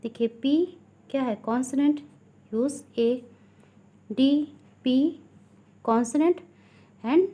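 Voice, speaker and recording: A woman teacher with an Indian English accent, reading English lines slowly and explaining them quickly in Hindi, asking questions as she goes. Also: sits high, mellow. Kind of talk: classroom grammar lesson.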